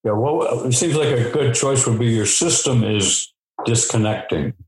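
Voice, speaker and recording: A grandfather with a middle-pitched voice and a roomy echo around it. He works through the problem step by step with careful questions in a relaxed family conversation. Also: normal speed. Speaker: grandparent guest. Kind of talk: casual family chat.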